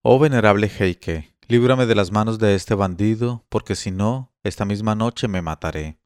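A man voicing a sad young slave woman who speaks softly and pleads in a read-aloud tale. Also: fairly low pitch, moderate pace, clear, resonant tone, dry recording, studio quality, lightly acted. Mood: sorrowful.

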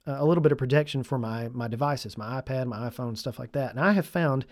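A man's voice: mid-range voice, quick pace, no echo, studio quality. A man, a youth minister hosting a podcast, talking casually and enthusiastically about his gear and repeating himself as he goes. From Tennessee.

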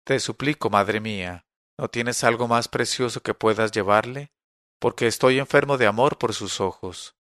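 A man reading a classic tale aloud in a calm, measured storytelling manner. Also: medium pitch, no echo, studio quality. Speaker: narrator.

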